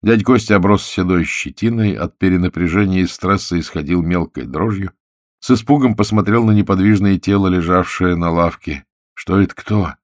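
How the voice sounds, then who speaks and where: A man narrating an audiobook in a steady, even storytelling manner. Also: sits low, moderate pace, dry recording, clean studio sound. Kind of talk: scripted narration.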